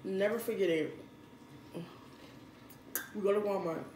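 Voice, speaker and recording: A woman's voice: mid-range voice, measured pace, mellow. An American woman chatting casually as a mukbang host, talking between mouthfuls of chips and dip. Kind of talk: casual chat while eating. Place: indoor room at a table. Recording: echoey room with background noise.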